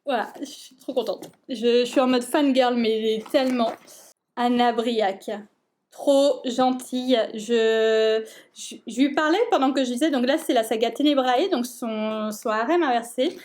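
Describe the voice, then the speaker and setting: High-voiced young woman gushing about books. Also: unhurried. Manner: excited, gushing, many fillers and restarts. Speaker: book vlogger. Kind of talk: casual chat.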